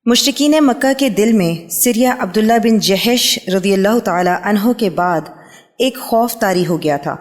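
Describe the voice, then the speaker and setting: A woman reading a religious history book aloud in a steady, measured way, announcing each new heading. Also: medium pitch. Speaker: book reader. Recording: long hall reverb.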